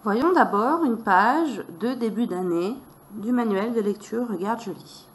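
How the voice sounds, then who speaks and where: A woman teacher walking parents through a reading method, sounding out letters and syllables slowly and deliberately. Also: on the high side.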